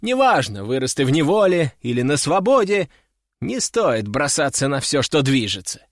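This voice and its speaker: A man narrating a first-person audiobook story in a wry, measured way. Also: fairly high pitch, big pitch swings, no room sound, clean studio sound. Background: faint music.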